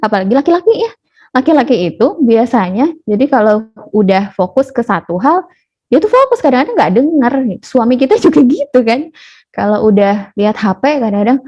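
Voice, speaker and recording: Female parenting speaker, fairly high voice, chatty and playful, lo-fi video-call sound. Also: big pitch swings, fairly quick, a little mellow, breathy edge. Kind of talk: casual online webinar talk. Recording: dull lo-fi webinar audio.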